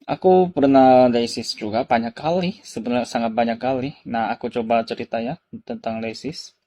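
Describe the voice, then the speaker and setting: A native Korean speaker from South Korea, a man with a Korean accent, tells personal stories casually to camera as a vlogger. He uses simple, repeated phrases and rhetorical questions aimed at the listener, in a warm, medium-pitched voice at a moderate pace.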